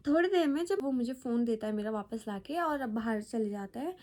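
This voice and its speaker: A woman's voice: fairly high pitch, expressive, brisk, darkish tone. Chatty young woman telling a story. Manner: chatty, dramatic retelling with fillers. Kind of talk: casual storytelling.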